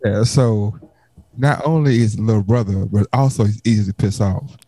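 A relaxed man co-hosts a chatty podcast. His voice is dark and mellow, and he jokes along easily. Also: fairly low pitch, normal speed, dry recording, poor audio. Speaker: podcast co-host. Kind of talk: casual banter on a call-in podcast.

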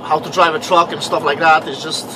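Man with a foreign accent, thirties, swearing trucker vlog, slightly high voice, noisy truck cab. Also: little pitch movement, fairly quick. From Canada. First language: not English. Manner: swearing, rambling, self-mocking. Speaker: truck driver vlogger. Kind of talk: casual vlog diary. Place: inside a truck cab at night.

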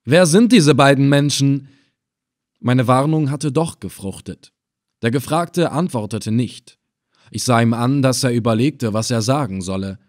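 A man reading an adventure story aloud in the first person, calm and measured. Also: medium pitch, no room sound, clean studio sound. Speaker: audiobook narrator. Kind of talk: first-person audiobook narration.

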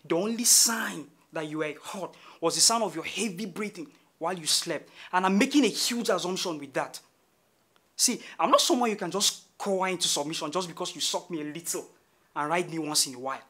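A man's voice: high-pitched, brisk, bright, forceful tone. A man playing a frustrated young boyfriend who wants to talk things out, earnest and pleading. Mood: exasperated. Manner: earnest, pleading, rising to exasperation. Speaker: live-in boyfriend. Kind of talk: short film drama.

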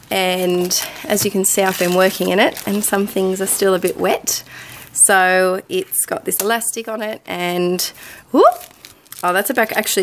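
A woman's voice: on the low side, a little hiss or hum. Chatty Australian woman showing her craft haul. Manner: chatty and enthusiastic, with frequent ums. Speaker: craft vlogger. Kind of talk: casual haul video.

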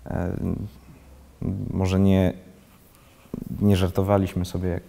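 Guest actor, 30s man, low dark gravelly voice, halting delivery, reverberant room. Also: completely flat delivery. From Switzerland. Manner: halting, searching for words, many restarts. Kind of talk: casual interview talk. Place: indoor library room with bookshelves, seated in armchair.

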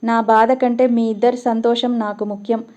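Soft forgiving old village mom a woman reading her, dark mellow tone, flat delivery, dull lo-fi audio. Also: fairly high pitch, normal speed, natural voice. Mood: pleading. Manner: tearful, pleading. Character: gentle forgiving elderly village mother.

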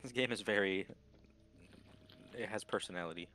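A man's voice: on the low side, normal speed, pushed and bright, a little hiss or hum. A man in casual gaming banter with friends, playful and teasing. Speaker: gamer, friend in group.

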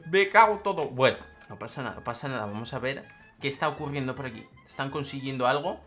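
A young woman with a Spain Spanish accent giving excitable gameplay commentary, jumping from loud shrieks to muttered asides. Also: rumbling low, fast talker, soft background music. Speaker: gaming YouTuber.

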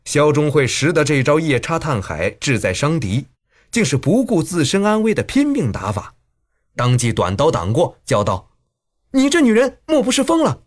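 A man narrating a martial-arts audiobook with dramatic, animated delivery. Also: normal speed. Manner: dramatic, highly animated reading.

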